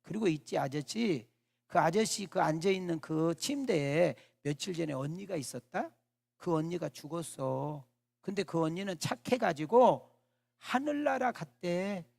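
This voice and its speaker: A man voicing a chatty, innocent nine-year-old girl in a sermon story, talking slowly in a coaxing, sing-song way. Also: on the high side, expressive, gravelly, darkish tone, exaggerated voice. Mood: earnest. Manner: coaxing, slow, sing-song childish talk.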